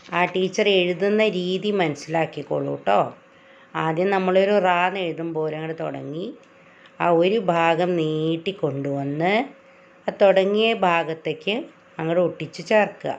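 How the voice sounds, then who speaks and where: A woman's voice: lowish voice, moderate pace. A woman teacher patiently explaining letters to children, step by step. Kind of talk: children's reading lesson. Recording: lo-fi recording.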